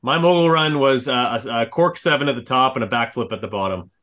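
A man in his thirties from Manitoba, Canada, hosting a casual interview and telling stories in a lively, chatty way. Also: mid-range voice, fairly quick. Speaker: podcast host.

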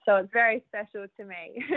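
A woman's voice: fairly high pitch, moderate pace, no room sound. Chatty Australian woman on a tinny line. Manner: chatty, laughs often, lots of fillers. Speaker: guest, motocross rider. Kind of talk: casual interview. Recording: dry tinny phone-like line.

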